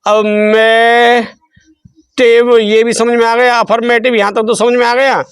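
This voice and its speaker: A man's voice: very high-pitched, level tone, a little slow, fairly bright tone, clear, resonant tone, no echo. A man teaching a spelling lesson. He repeats his questions back to the students and stretches out syllables. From India. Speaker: English teacher. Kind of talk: spelling lesson explained in Hindi.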